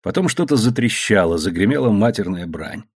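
A man's voice: fairly low pitch, expressive, fairly quick, slightly rough. A man narrating an audiobook in a dramatic storytelling manner.

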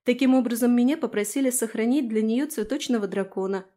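Mellow-voiced woman narrating a fantasy audiobook. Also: a little high, a little fast. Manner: expressive, lively storytelling.

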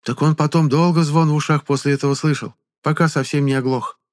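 A man's voice: fairly high pitch, fairly even intonation, a little fast, voice pushed up, natural voice. A man voicing a chatty, sly elderly peasant widow who talks in a folksy sing-song.

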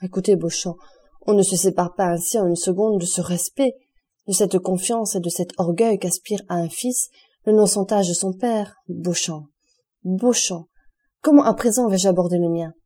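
An anguished, proud young nobleman pouring out his feelings with impassioned outbursts in a classic audiobook, as a woman reader puts him on. The tone stays dark and mellow. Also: high voice, moderate pace, slightly rough. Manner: impassioned, emotional, exclamatory.

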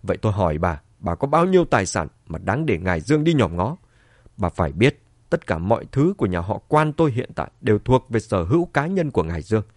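A man voicing a cold, contemptuous family head who speaks low and hard. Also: very animated, a little fast, darkish tone, dry recording, clean studio sound.

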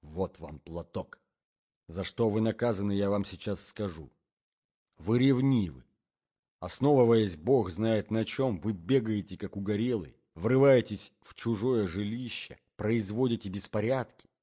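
A man doing a stern hushed young scold. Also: a little slow, slightly rough, dull audio. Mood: lecturing. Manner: low, hushed, reproachful. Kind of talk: audiobook character reading.

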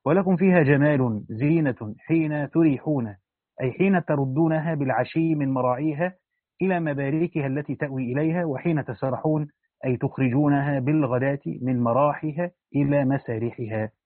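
Speaking a little quickly at a medium pitch, a man reads a Quran commentary aloud during a religious lesson and adds plain asides for his students. There is no echo, and the audio is dry and thin, like a phone line.

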